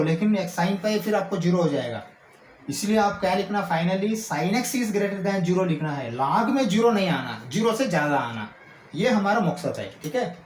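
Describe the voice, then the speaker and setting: Man teaching maths, echoey room. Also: sits high. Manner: checks in often with rhetorical questions; slows down to dictate formulas. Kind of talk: explaining calculus while writing. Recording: echoey room with faint ambient noise.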